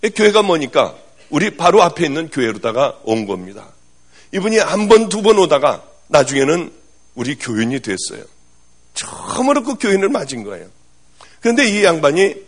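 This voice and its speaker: Husky, animated male pastor. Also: fairly high pitch. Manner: animated storytelling, swinging from loud to hushed. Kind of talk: storytelling sermon.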